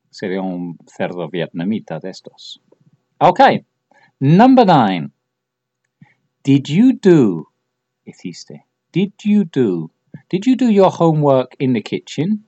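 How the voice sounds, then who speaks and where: Patient male teacher, slow and lively. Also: mid-range voice, no room sound. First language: Spanish. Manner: slow, patient drilling with repeated examples. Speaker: English teacher. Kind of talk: bilingual language lesson. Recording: dull lo-fi audio.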